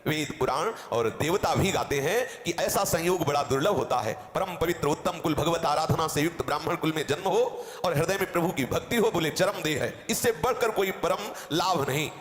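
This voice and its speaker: A man as a spiritual teacher delivers a devotional discourse with a fairly high voice. He tells a sage's story in the first person and weaves in quoted verses. The room is echoey, with a long reverb tail. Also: moderate pace, hardly any pauses. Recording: roomy hall with long reverb.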